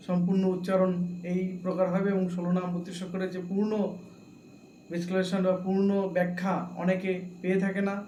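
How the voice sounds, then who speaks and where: Man, high voice, devotional teacher, slow deliberate delivery, echoey room with faint hiss. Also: warm tone. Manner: slow, deliberate, chants the mantra aloud. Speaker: devotional speaker. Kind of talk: devotional explanation talk.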